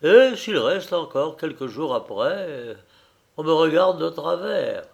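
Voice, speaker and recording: A man narrating a literary audiobook in a measured, solemn reading. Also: a little high, sing-song, gravelly, dull audio.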